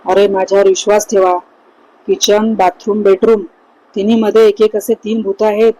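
A woman's voice: mid-range voice, level tone, moderate pace, dark tone, lightly acted, low-quality recording. A woman reading the part of a frightened young man insisting he saw ghosts. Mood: pleading. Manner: urgent, pleading.

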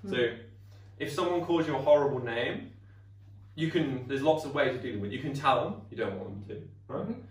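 A karate instructor talks his class through a lesson, his pitch rising and falling a lot. He keeps checking in with "right?". The hall echoes around him and he sounds some way from the mic. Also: expressive, fairly quick. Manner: chatty, keeps asking "right?". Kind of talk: teaching a class. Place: training hall. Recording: echoey room, voice from far off.

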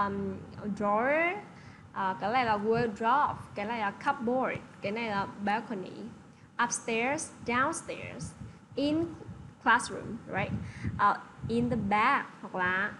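A woman's voice: fairly high pitch, slow pace, noisy background. A woman teaching an English lesson to children, patiently explaining and often checking that the class has understood. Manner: patient, repeats checks like "được chưa".

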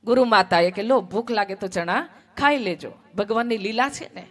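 A woman's voice: medium pitch, moderate pace, soft background music. A woman telling a devotional story at a village religious gathering, acting out the dialogue with dramatic swells and drops.

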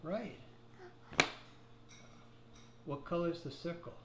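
A woman with a slightly low, very animated voice talks to a toddler in short, simple phrases. She asks questions, repeats words back and encourages, recorded in a roomy living room. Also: a little slow. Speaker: parent guiding a toddler. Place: living room at home, indoors. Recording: roomy, noisy home recording.

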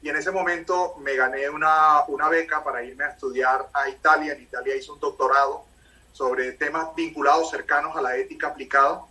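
A man's voice: medium pitch, pushed and bright, distant mic, low-quality recording. Man with a northern Colombian accent on a video call. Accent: Colombian Caribbean coast, close to Venezuelan. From La Guajira, northern Colombia. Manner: explanatory, fluent with occasional restarts. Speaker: interview guest, psychologist. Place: home room.

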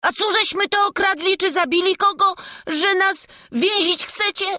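A plucky peasant boy, quick to argue and bold in his pleading. The voice sits high and sounds bright and sharp, like a storybook hero lad. It is a dry, close audiobook read. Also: animated, no echo, heavily acted. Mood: indignant. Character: brave cheeky peasant boy apprentice. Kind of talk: audiobook character voice.

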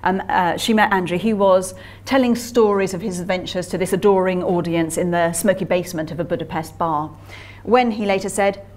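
A woman's voice: fairly low pitch, fairly even intonation, brisk, darkish tone. A woman author giving a public history lecture, telling stories in a chatty way with frequent ums and uhs. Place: museum lecture talk.

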